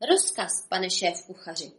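A woman voicing a bold, quick-acting male cartoon rabbit who calls out urgently. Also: fairly low pitch, big pitch swings, husky.

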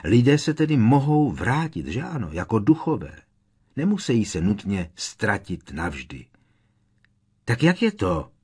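A man's voice: on the low side, very animated, slightly rough. A man voicing an agitated teenage boy wizard who presses with urgent, pleading questions in an audiobook. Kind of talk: audiobook character reading.

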